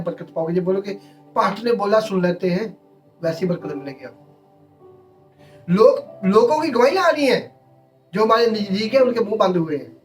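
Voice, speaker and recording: A man preaches a sermon in a high voice, driving his points home in short, repeated phrases. He sounds set back from the microphone, with faint music underneath. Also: far from the mic. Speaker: pastor.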